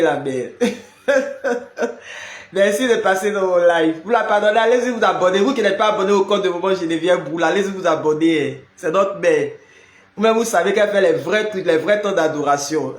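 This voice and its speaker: Chatty man, roomy sound. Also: sits high. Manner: chatty, greets viewers by name, peppers speech with "là" and "hein". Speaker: live-stream prayer host. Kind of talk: casual live-stream chat with viewers. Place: home. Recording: roomy echo.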